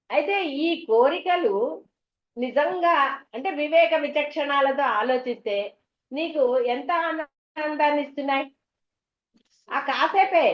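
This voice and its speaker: A woman giving a devotional discourse to an audience, chatty and full of homely stories and questions to the listeners. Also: sits high. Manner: conversational, tells homely anecdotes, asks the audience questions. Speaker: spiritual teacher. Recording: dull, echoey hall recording.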